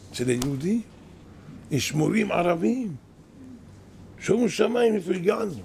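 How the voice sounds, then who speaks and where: An older man, a kabbalist rabbi, giving a weekly Torah lesson in an animated, lamenting way, with a gravelly voice. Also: on the high side, slight background noise. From Israel. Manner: animated, exclaiming and lamenting, storytelling. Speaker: kabbalist rabbi, yeshiva head. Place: yeshiva study hall.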